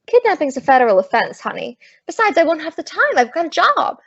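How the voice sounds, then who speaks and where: High-voiced wisecracking Maisie, played by a woman. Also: big pitch swings, fairly quick, gravelly, fairly bright tone, no room sound, full character voice. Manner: sassy, slangy delivery. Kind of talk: old-time radio comedy acting. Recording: dull lo-fi close dry recording.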